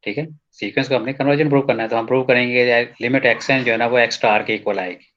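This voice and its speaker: Man, math teacher, mid pitch, reads textbook slowly, explains casually, mixes English terms into Hindi, lo-fi muffled recording. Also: steady tone. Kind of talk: explaining a proof in a recorded lecture. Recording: dull lo-fi lecture recording.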